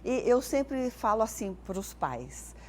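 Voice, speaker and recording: A woman's voice: fairly high pitch, very animated, slow pace, slight background noise. A Brazilian speech therapist, a woman, guesting on a TV morning show and explaining child speech development, animatedly acting out sounds. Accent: Brazilian Portuguese.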